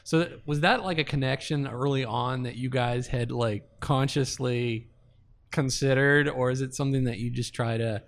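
A man hosting a casual panel chat, asking questions thoughtfully, with many pauses and fillers. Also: medium pitch, fairly even intonation.

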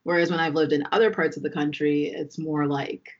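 A woman's voice: low voice, steady tone, a little fast, highs cut off. A woman from Maryland, a podcast guest chatting casually and thinking aloud with lots of fillers. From Maryland, USA. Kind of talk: casual chat.

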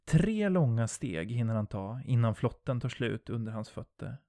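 A man narrating a first-person horror story in a low, steady storytelling voice. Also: dry recording, studio quality.

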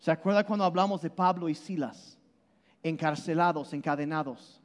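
A man preaching a sermon, animated and emphatic, often repeating and restarting his words as he explains. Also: moderate pace. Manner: animated, shifts between loud emphasis and low intensity. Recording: long hall reverb.

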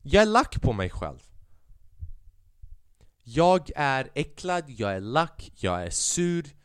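Young man, solo podcast host, heated and profane, smooth voice, dry close mic. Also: medium pitch, no room sound. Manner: animated, swears a lot, mixes in English phrases. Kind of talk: casual solo podcast monologue.

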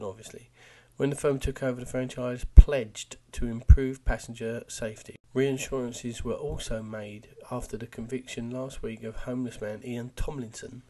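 A man with a husky voice presenting a local podcast in a chatty, wry way with joking asides. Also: mid-range voice, darkish tone. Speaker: podcast host.

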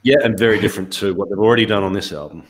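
Male host, lowish voice, measured explanatory album review. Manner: measured, explanatory, steers the discussion. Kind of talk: casual music review chat.

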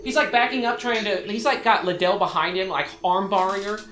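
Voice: mid-range voice, a little fast, echoey room, noisy background. A game master narrating a tabletop game in a loose, chatty way with many fillers.

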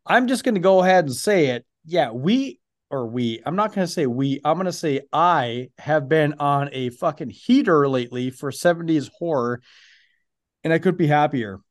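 A man's voice: fairly high pitch, animated, moderate pace. A man from Canada co-hosting a podcast over a video call, joking and rambling with lots of fillers. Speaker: podcast co-host. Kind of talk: casual chat.

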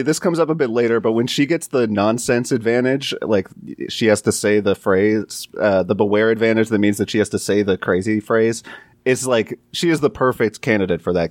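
Low-voiced man in a dry room. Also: a little mellow, dry recording. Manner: inquisitive, leads the discussion with questions. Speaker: podcast co-host. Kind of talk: casual chat.

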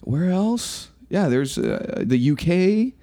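This middle-aged podcast co-host speaks slowly in a high-sitting, gravelly voice with a warm tone, and he is very animated. On the casual show he sounds earnest and motivational, repeating phrases for emphasis.

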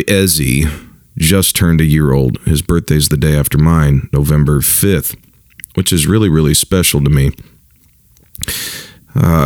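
A man in his forties, a pastor hosting his own podcast, talking in a casual monologue with an earnest, animated manner and frequent restarts. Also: rumbling low, clean tone, dry recording, studio quality. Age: 40s.

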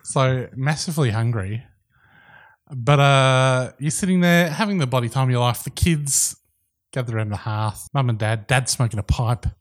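Matey lad bantering on a podcast. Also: male voice, medium pitch, normal speed. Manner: matey lad banter, teasing and mildly sweary. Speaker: podcast co-host. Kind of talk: casual chat.

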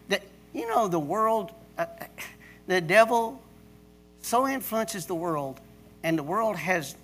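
A middle-aged man preaching a sermon as pastor, emphatic, with pauses and restarts. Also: high voice, creaky, a bit bright.

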